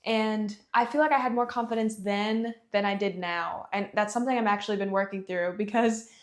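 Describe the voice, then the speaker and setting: In a casual interview, a young singer-songwriter from Athens, Georgia talks fairly quickly in a mid-range voice with fairly even intonation. Frequent laughter and the filler "you know" run through her speech.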